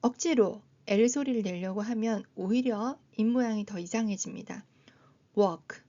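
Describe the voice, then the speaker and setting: A woman teaching English phonics to adult learners, patiently explaining in Korean and modeling each English word slowly. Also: mid-range voice, dark tone. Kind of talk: slow, careful phonics lesson. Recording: dull, slightly lo-fi sound.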